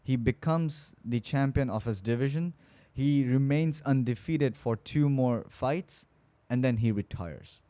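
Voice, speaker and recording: A man's voice: medium pitch, a little slow, dark tone, no echo. A man co-hosting a podcast in casual chat, telling stories loosely with lots of fillers and restarts; English is not his first language. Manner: chatty, loose storytelling with many fillers and restarts. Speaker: podcast co-host.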